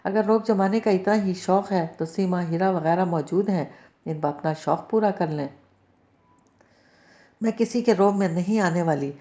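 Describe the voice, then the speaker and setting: A woman's voice: fairly low pitch, mellow, lightly acted. A woman voicing a bold, cheeky young woman in a storybook reading, mocking and defiant. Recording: echoey, slightly dull recording.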